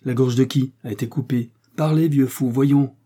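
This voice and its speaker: A man reading an audiobook aloud and voicing a fierce, domineering brigand baronet who barks impatient questions, in a husky, dark voice. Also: mid-range voice, expressive, moderate pace. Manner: harsh, impatient, barking questions.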